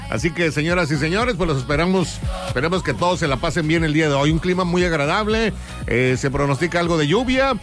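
A man with a northern Mexican accent hosting a live morning radio show, rallying listeners like a ringmaster with folksy, slangy patter. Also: fairly high pitch. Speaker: radio host. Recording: music bed behind the voice. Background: music.

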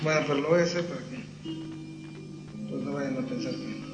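A man's voice: medium pitch, brisk. A man from Mexico's Costa Chica with a coastal Mexican accent, reciting a long poem in a solemn, sing-song declamatory style. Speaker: poet reciting. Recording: roomy, dull lo-fi recording with music. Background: music playing.

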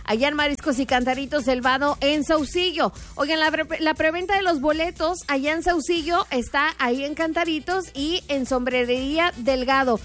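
A woman's voice: high voice, moderate pace, few pauses, a bit bright. A woman hosting a call-in radio show, chatty and upbeat, laughing with callers and pushing events. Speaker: radio host.

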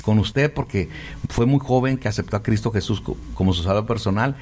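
A man, a pastor co-hosting a radio conversation, speaking earnestly and filling pauses with "eh". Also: fairly low pitch, a little mellow. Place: radio studio. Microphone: studio microphone.

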